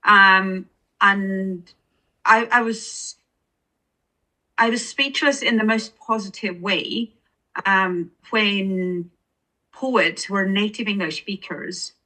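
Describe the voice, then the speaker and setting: A woman author with an Estonian accent speaks as an interview guest in a reflective conversation. Her medium-pitched, sharp-toned voice is slow and earnest, with frequent pauses and many restarts as she searches for words, and the audio is poor.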